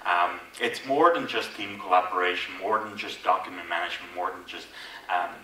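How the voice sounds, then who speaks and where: In a large, echoey conference hall, a low-pitched Finnish man with an Irish-tinged accent speaks a little fast in a bright, forceful tone. His presentation is casual and self-deprecating, peppered with fillers and restarts, and the distant mic also picks up faint noise.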